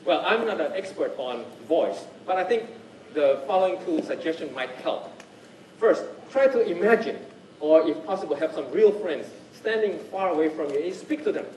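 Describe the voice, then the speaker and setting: A man's voice: on the high side, moderate pace, roomy sound, distant mic, slight background noise, low-quality recording. A man leading a speaking skills workshop, talking to the class and often checking in with "right?". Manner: lively, keeps checking in with "right?". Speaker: workshop trainer. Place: workshop room.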